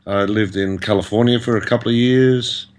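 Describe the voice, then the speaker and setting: A man's voice: fairly low pitch, fairly even intonation, moderate pace. A man, a guest artist speaking over a video call, reflective and hesitant with frequent fillers. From Australia. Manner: reflective, hesitant, many "you know" fillers. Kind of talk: conversational interview answer. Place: indoors in Beijing.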